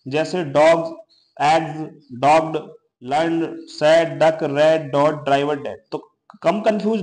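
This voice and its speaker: A man's voice: fairly high pitch, a little mellow. A man teaching an English pronunciation lesson, explaining each rule and then listing example words one by one.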